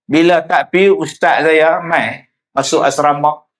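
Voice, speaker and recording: Male preacher, high voice, humorous storytelling sermon. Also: unhurried. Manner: lively storytelling with humor, addresses the audience directly. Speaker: religious preacher. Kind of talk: public sermon.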